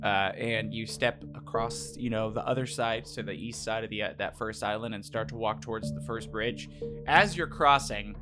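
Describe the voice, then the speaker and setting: A man running a tabletop game as game master, improvising his narration in an informal, halting way. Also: lowish voice. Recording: music playing behind the voice. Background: background music.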